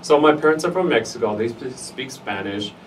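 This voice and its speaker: A man's voice: mid-range voice, animated, brisk. A middle-aged man with an East L.A. accent giving conversational interview answers, emphatic and given to repeating phrases in lists. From United States, East Los Angeles area. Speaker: interviewee, fraternity alum. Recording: noisy, distant mic, room ambience.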